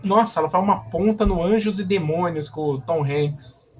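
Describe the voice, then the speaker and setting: A man's voice: sits high, moderate pace, darkish tone, dull audio, a little hiss or hum. A man co-hosting a casual film podcast, muttering repetitively as he looks things up. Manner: muttering while scrolling, repetitive. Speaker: podcast co-host.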